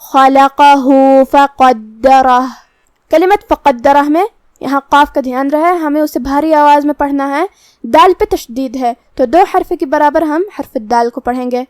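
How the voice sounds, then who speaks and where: Calm and methodical, a high-voiced woman teaching Quran recitation works through its rules in sequence, reciting verses in a slow, drawn-out way. The recording is close and dry, without any room sound.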